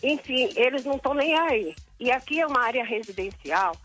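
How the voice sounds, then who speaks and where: A woman's voice: sits high, lively intonation, fairly quick, fairly bright tone, faint music behind. A woman, calling in to a radio show over a phone line, pleading and rambling as she repeats her complaint. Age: 60s. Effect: heard over a phone line.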